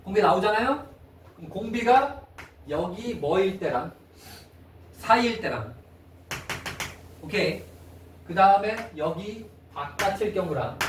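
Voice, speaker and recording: A man teaching a math lesson in a classroom, constantly checking in with his students with quick questions. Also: high-pitched. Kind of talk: classroom lecture. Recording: echoey room, mic far off, faint noise.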